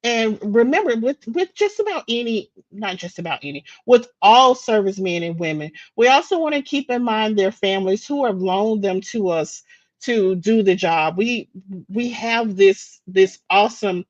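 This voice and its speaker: A woman's voice: medium pitch, lively intonation, normal speed, no echo, highs cut off. A woman from the United States presenting daily facts in a casual live-stream chat, talking freely with restarts and fillers. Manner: chatty, with frequent restarts and fillers.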